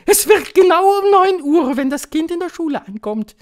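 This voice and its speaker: A man voicing a cruel old female witch queen, shrill and commanding, gloating in clipped declarations for an audiobook. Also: lively intonation, normal speed. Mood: triumphant, thundering. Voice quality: shrill, thundering. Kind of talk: audiobook reading.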